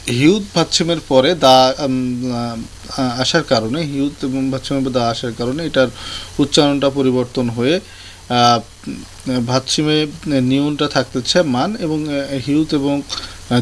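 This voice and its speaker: Man, tutorial teacher, hesitant with many fillers, mid pitch, faint background hiss. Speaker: language teacher. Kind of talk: tutorial explanation.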